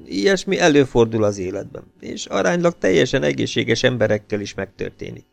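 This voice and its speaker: A man reading an audiobook, voicing a calm, shrewd male detective who speaks matter-of-factly. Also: mid-range voice, gravelly, dry recording, soft background music. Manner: dry, matter-of-fact delivery.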